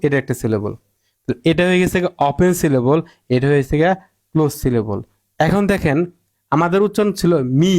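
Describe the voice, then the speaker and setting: A man teaching English spelling rules, repeating himself, asking rhetorical questions and sounding out words slowly. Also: fairly high pitch, darkish tone. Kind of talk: spelling and pronunciation lesson.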